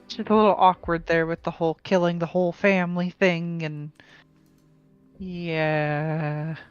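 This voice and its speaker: A woman's voice: on the low side, flat delivery, a little slow, clean tone, muffled recording, faint music behind. A woman playing in a tabletop game on a video call, talking hesitantly. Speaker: player.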